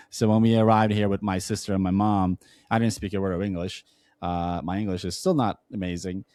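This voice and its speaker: A man from Turkey, not a native English speaker, speaks with a Turkish accent in a fairly low, darkish voice, recorded dry and close with no room sound. An entrepreneur guesting on a podcast, he tells his story conversationally, earnest and halting, with restarts and "uh" fillers.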